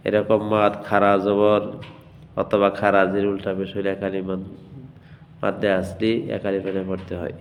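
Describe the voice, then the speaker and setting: A man teaching Quran reading, spelling out letters syllable by syllable and chanting words in long drawn-out tones. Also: on the low side, completely flat delivery, big-room sound, slight background noise. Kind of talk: slow spelling-out lesson with chanted recitation.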